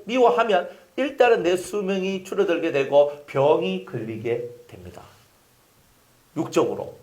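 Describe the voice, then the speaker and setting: A male pastor preaching a sermon, telling stories and acting out scenes. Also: sits high. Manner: animated storytelling, acting out scenes with voices. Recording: echoey hall.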